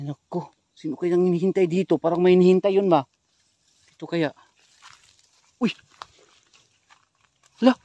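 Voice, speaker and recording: A man from the Philippines vlogging a ghost hunt outdoors in a rural wooded spot, switching between loud calls and low hushed murmurs. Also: no echo. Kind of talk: hushed exploring vlog commentary.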